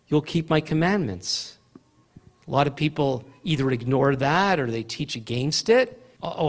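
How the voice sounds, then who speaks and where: A man preaching a sermon in an earnest, emphatic way, slipping into mocking quoted asides. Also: on the high side.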